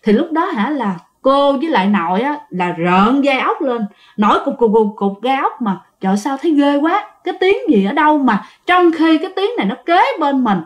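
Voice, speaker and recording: Chatty woman storyteller, fairly high and very animated, telling ghost tales to listeners. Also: normal speed, few pauses. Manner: chatty, addresses listeners directly.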